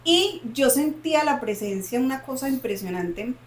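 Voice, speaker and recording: A woman's voice: sits high, normal speed, background noise. A woman, co-hosting a podcast and dramatically retelling a personal story with lots of repetition. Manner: dramatic, animated retelling with repeated phrases. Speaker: podcast co-host. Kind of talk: casual storytelling.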